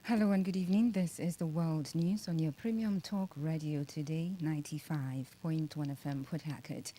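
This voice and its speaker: Low-voiced Nigerian woman reading radio news. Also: fairly even intonation, moderate pace, dark tone, poor audio. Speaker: radio newsreader. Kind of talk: scripted news bulletin.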